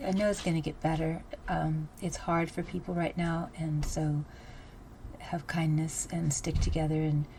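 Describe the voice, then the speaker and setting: An older woman hosting with a casual, meandering monologue, pausing and hesitating as she goes. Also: low voice, dark tone. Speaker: host. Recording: background noise and ambience.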